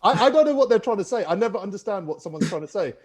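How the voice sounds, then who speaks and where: Fast-talking man hosting a podcast. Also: sits high, expressive, a little mellow. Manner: quick, chatty, laughs easily. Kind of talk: casual gaming podcast chat.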